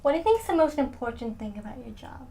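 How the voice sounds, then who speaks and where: A woman interviewer asking quick, plain questions from a distant mic, with faint room noise. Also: high-pitched, very animated, mellow.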